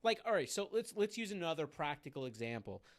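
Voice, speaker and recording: A man's voice: fairly high pitch, big pitch swings, fast. A man co-hosting a car podcast in casual chat, rambling with many fillers and restarts. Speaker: podcast co-host.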